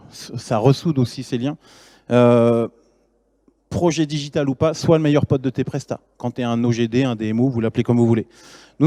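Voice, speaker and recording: A man's voice: medium pitch, mellow, no room sound. A man in his thirties, a startup founder giving a casual, slangy conference talk full of fillers and enthusiasm.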